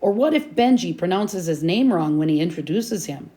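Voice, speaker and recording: A woman's voice: on the low side, expressive, normal speed, mellow, natural voice. A woman voicing a nervous fifth-grade boy in a read-aloud storybook, talking in an anxious, exaggerated way.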